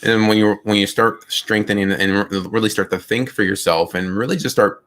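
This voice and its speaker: A man's voice: lowish voice, fairly even intonation, fairly quick, fairly bright tone. A middle-aged man co-hosting a spiritual self-help podcast, talking in an earnest, reflective way with frequent restarts. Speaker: podcast co-host.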